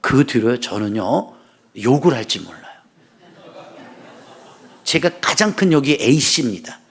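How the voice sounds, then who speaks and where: A man's voice: mid-range voice, slow pace, slightly rough. A middle-aged man, a pastor, preaching a sermon in church, telling funny stories and acting out quoted dialogue. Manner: lively storytelling with humor, acting out quoted dialogue. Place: church sanctuary.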